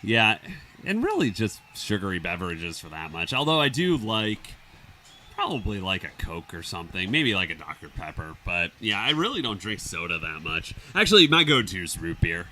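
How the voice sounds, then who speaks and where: This man co-hosts a live stream, giving easygoing, chatty play-by-play on a football game with plenty of filler words. His upstate New York accent comes through in a low, bright, forceful voice that swings widely in pitch at a normal speed. A slight hiss or hum sits under the recording.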